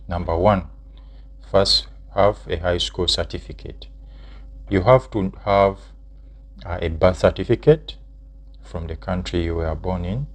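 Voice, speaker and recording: A man from Uganda speaks with a Ugandan English accent and a very deep voice. He explains things plainly in a casual chat, with "uh" fillers and quick "yeah"s. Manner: explains steps plainly, with fillers and short affirmations. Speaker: channel co-host.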